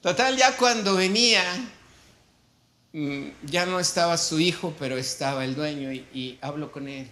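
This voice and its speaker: A man with a Mexican Spanish accent, a pastor telling an animated story in a sermon and acting out the dialogue. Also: fairly high pitch, normal speed. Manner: storytelling, animated, acts out dialogue with shifting volume.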